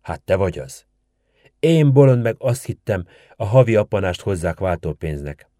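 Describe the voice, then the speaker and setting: A man's voice: low voice, big pitch swings, warm tone, no room sound, studio quality. A man voicing a chatty elderly village woman who bustles about and scolds in folksy turns of phrase. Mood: fussing.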